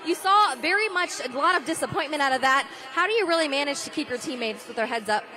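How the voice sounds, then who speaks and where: A woman's voice: high-pitched, animated, quick pace. A woman reporting live from trackside, doing a sports interview at a stadium event.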